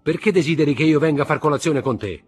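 A man reading aloud, voicing a cocky, impatient young man who talks in quick, offhand bursts. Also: a little high, slightly rough, soft background music, pitched above the performer's own voice.

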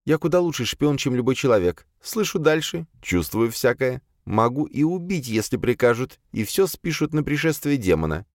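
A man's voice: mid-range voice, sing-song, normal speed, few pauses, no room sound, clean studio sound, pitched above the performer's own voice. A man voicing a timid female demon maid. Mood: subdued, confessing. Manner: timid, deferential, pleading. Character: young female demon posing as a servant, meek.

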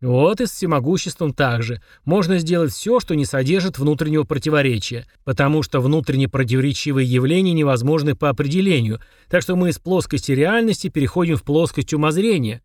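A man reading an audiobook and voicing a tiny, haughty male demon who speaks slowly and scornfully. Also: fairly high pitch, darkish tone, dry recording, studio quality, natural voice. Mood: condescending. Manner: disdainful, slow and clipped.

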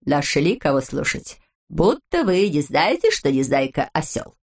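A woman voicing a calm, clever little boy who speaks in a level, reasoning way in a storybook. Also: low voice, unhurried, husky, pitched below the performer's own voice, exaggerated voice. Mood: mocking.

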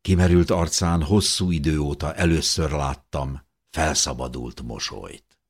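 A man reading a first-person story aloud in a calm, measured way. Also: a bass voice, breathy edge. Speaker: audiobook narrator. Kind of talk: scripted first-person narration.

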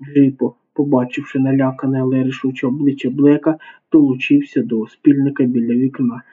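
A man reading a crime novel aloud as audiobook narration, steady and dramatic. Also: mid-range voice, a little fast, slightly rough. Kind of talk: scripted narration. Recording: tinny phone-like sound.

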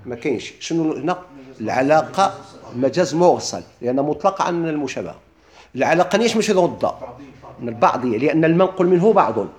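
A man teaches in a Moroccan accent, firing questions at his listeners and answering them himself. He talks fast, with a voice a little higher than most men's. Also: lively intonation, a little mellow. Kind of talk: lesson on classical Arabic rhetoric.

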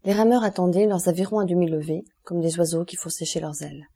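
A woman narrating a classic novel as an audiobook, in a steady, even reading manner. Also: on the low side, fast talker, slightly rough. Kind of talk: scripted literary narration.

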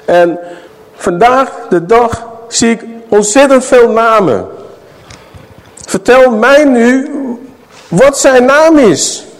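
A middle-aged man preaching a sermon in a church hall, asking his listeners questions and stressing words slowly. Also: very high-pitched, expressive. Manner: questions the audience, dramatic slow emphasis.

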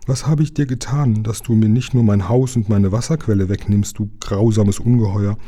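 A man's voice: on the low side, normal speed, warm tone, close to an everyday voice. A man voicing a timid, frightened old male giant who speaks in a trembling, thin voice. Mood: fearful.

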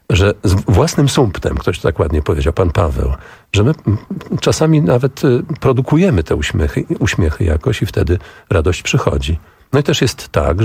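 Low husky radio host. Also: male voice, a little mellow, no room sound. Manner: improvising, musing, many restarts. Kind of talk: radio talk show. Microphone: studio microphone.

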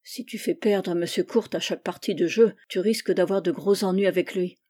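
A woman reading the part of a frightened middle-aged café owner, speaking in a hushed, urgent way. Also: lowish voice, steady tone, fairly quick, close to an everyday voice. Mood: fearful.

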